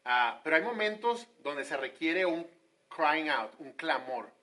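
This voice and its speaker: Bright-voiced preacher man. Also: on the high side, animated, unhurried. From Monterrey, Mexico. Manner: conversational preaching, acts out quoted voices, frequent hesitations. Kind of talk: sermon.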